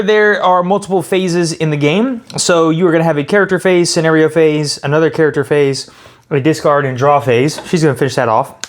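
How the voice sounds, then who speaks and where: A man hosting a casual tabletop game walkthrough, explaining the rules step by step and thinking aloud as he plays. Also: fairly high pitch. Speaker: host explaining and playing a card game.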